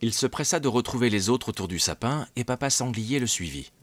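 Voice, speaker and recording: A man narrating a children's storybook in an expressive, lilting way. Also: medium pitch, brisk, husky, dry recording.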